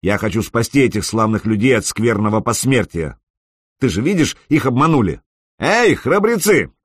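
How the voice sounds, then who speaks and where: A man's voice: medium pitch, very animated, normal speed, husky, no echo, clean studio sound. A man voicing a brash young male warrior who mocks and commands his foes. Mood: proclaiming. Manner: taunting, proclaiming, loud.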